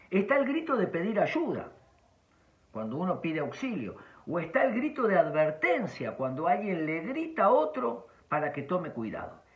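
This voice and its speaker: A man with an Argentine Spanish accent gives a calm, explanatory talking-head advice talk, varying his emphasis. His voice sits high. The recording has a dull, lo-fi sound.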